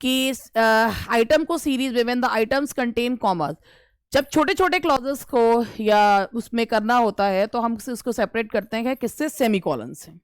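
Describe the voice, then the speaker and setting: A woman teaching an English grammar lesson for exam preparation. She reads questions out slowly, explains them quickly, and answers her own questions, with an Indian accent. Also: fairly high pitch, clear, resonant tone, no room sound.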